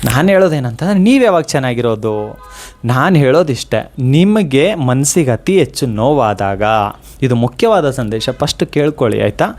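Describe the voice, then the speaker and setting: A man's voice: medium pitch, lively intonation. A man giving an earnest devotional motivational talk. He speaks directly to his listeners and repeats his points. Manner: slows to a soft chant for prayers.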